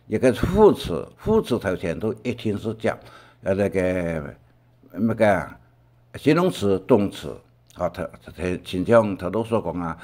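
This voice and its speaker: An older man with a Taiwanese Hakka accent giving a recorded language lesson, explaining in a halting way with frequent pauses and restarts. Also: lowish voice, a little mellow.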